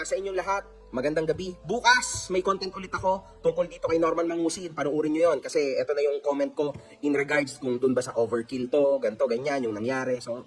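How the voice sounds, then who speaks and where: A man with a Filipino accent talking in a casual commentary vlog, mixing in English phrases and laughing often. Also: medium pitch. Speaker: vlogger.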